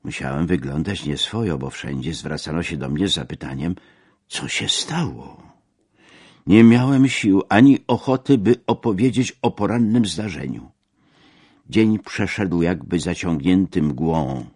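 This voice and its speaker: Low husky male audiobook narrator. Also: unhurried, darkish tone.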